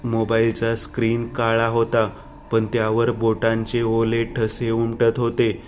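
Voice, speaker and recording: A man narrating a scripted horror story in a slow, flat and ominous way. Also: mid-range voice, slight background noise.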